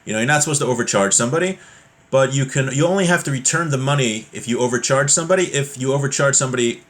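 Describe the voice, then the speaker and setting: A man with a mid-range, slightly bright voice races through an informal religious class. He reads from a text and explains it conversationally, using everyday examples.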